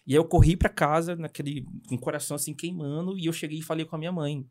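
Fast-talking Brazilian man telling a story. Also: on the high side. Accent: Brazilian Portuguese. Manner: animated, hurried telling with many tag questions. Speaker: missionary guest. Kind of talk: casual interview storytelling.

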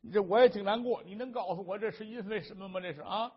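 A man's voice: high voice, fast, husky, dull audio. A man voicing a worried husband who coaxes his wife to explain, in an earnest way. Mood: coaxing. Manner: coaxing, earnest. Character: worried doting husband, a scholar, boastful.

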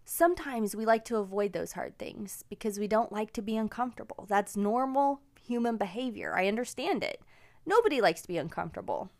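A woman's voice: medium pitch, animated, brisk. Woman, 40s, podcast host, casual storytelling, upbeat, encouraging.

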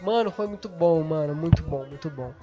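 A young man, hosting a podcast while stoned, rambling and excitable, swearing often and losing his thread. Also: a little high, brisk, lo-fi sound, soft background music. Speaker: podcast host. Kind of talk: casual rambling storytelling.

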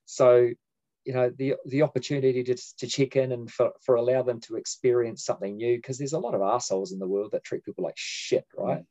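A man co-hosting a podcast, chatting in a relaxed, enthusiastic way and swearing casually. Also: medium pitch, fairly quick. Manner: laid-back, sweary, enthusiastic. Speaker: podcast co-host. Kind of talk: casual chat. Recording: slightly dull sound.

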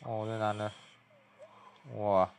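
A young man giving hushed, muttered play-by-play commentary as he reacts to a video. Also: on the low side, level tone, slow, gravelly, slight background noise.

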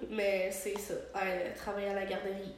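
A woman's voice: medium pitch, monotone, normal speed. Nasal young Quebec woman, very echoey room. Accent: Quebec French. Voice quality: nasal, stuffed-up with a head cold. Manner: slangy, mixing in English words. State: congested from a cold. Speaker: podcast co-host. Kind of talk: casual, giggly chat. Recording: very echoey room, background noise.

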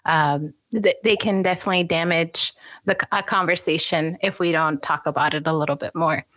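A woman's voice: sits low, fairly even intonation, a little fast, fairly bright tone, no room sound, clean studio sound. A woman hosting an interview, thoughtful and loosely paced, mixing Spanish phrases into her English. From Guatemala. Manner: bilingual, mixes Spanish phrases. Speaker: host. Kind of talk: conversational interview.

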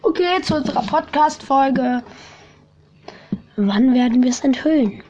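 A woman co-hosting a home podcast, teasing and cutting in with quick remarks. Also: high-pitched, lively intonation, mellow, lo-fi sound, a little hiss or hum. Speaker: podcast co-host. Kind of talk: casual chat.

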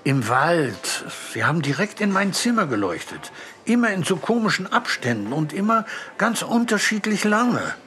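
A man's voice: high voice, very animated, normal speed, a bit bright, voice pushed up. A man voicing a tired, dreamy young boy in a children's audiobook, distracted and hesitant.

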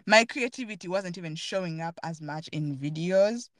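A woman's voice: lowish voice, moderate pace, no echo. A woman hosting a podcast, talking earnestly and thoughtfully in a casual, reflective chat while searching for her words. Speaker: podcast host.

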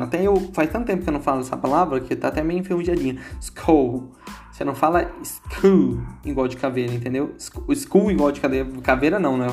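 A man's voice: a little high, a little mellow. A man with a Brazilian accent giving a casual English lesson, chatty and repeating words aloud to show how they sound. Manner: chatty, repeats words to demonstrate pronunciation, asks "entendeu?". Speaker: English teacher.

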